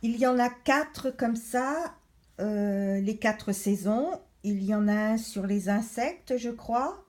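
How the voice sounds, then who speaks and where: A middle-aged woman talks through a colouring book in a relaxed, meandering way. She speaks slowly and hesitantly, with plenty of pauses and fillers. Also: a little high. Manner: chatty, rambling, hesitant with many pauses. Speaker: craft vlogger. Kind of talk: casual chat showing a colouring book.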